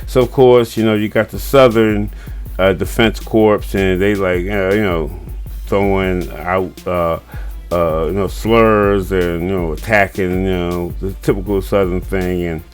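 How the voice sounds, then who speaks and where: A man's voice: sits low, steady tone, unhurried, soft background music. A man in his sixties hosting a casual comic book review, rambling with many fillers and chuckles. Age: 60s. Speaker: host.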